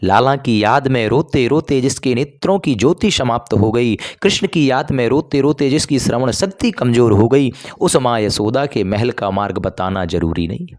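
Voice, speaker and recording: A man voicing helpful village folk who gently give a traveler directions. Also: medium pitch, expressive, normal speed, few pauses, close to an everyday voice. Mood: instructive. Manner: explaining, gently instructive.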